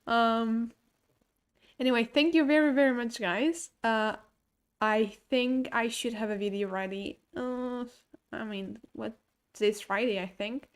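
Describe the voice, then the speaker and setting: A young woman with a sick, rough voice, streaming a game and chatting casually as she stutters through her lore theories. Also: a little high, steady tone, a little slow. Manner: stuttering, thinks aloud about game lore. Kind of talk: casual livestream commentary.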